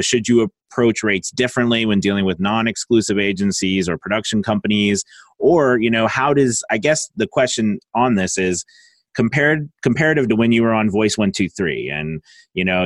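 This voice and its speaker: A male podcast host with a lowish voice wanders through long questions, stacking one clause on the next. The recording is dry and close. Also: dry recording. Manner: loose, rambling questions. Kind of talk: podcast interview.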